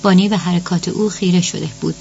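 A woman reading a novel aloud as a measured audiobook narrator. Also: fairly low pitch, fairly even intonation, gravelly, a little mellow. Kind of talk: scripted narration. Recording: dull lo-fi audio with hiss.

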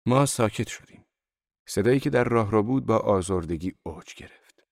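Male narrator for a literary audiobook, deep voice, steady and measured, dry close mic. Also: vocal fry, dry recording. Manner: calm, even literary narration. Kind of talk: audiobook reading of a novel.

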